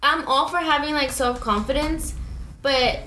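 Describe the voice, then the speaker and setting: A woman's voice: high voice, measured pace, pushed and bright, roomy sound, poor audio. A woman in her twenties, co-hosting a casual podcast from home, chatty and opinionated with lots of "like" fillers. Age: 20s. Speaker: podcast co-host.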